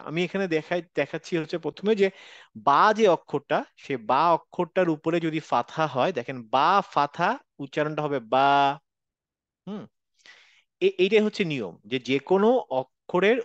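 A man's voice: on the high side, dry recording. A man teaching a Quran reading class online, explaining patiently step by step and mixing in English phrases. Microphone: video call. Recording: dull lo-fi online class audio.

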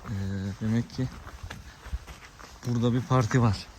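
A man's voice: medium pitch, little pitch movement, moderate pace. Guy vlogging on a village road, walking his dog, bit of outdoor noise behind him. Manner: calls out loudly to his dog. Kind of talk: casual outdoor vlog narration.

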